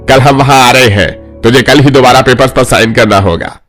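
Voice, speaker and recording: A man voicing a greedy, abusive middle-aged father in an animated family drama, harsh and threatening. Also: mid-range voice, normal speed, faint music behind, lightly acted.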